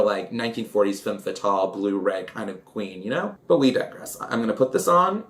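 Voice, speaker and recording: A man chatting in a campy, dramatic way while recapping an old film and doing his makeup, with giggly asides. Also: lowish voice. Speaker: vlogger.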